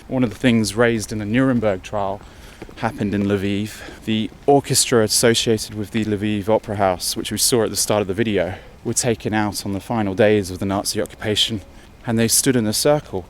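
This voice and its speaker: An English travel vlogger walks uphill on a city hill outdoors, chatting and thinking aloud while a bit out of breath. His voice is fairly low and steady, fairly quick with few pauses, and faint street noise sits in the background.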